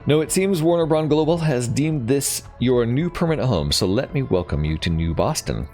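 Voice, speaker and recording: A man's voice: medium pitch, lively intonation, normal speed, warm tone, soft background music, pitched above the performer's own voice, lightly acted. A man reading as a cool corporate executive. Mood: guarded. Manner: reads dialogue aloud, plain voice, no accent attempted. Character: cool, guarded male corporate vice president.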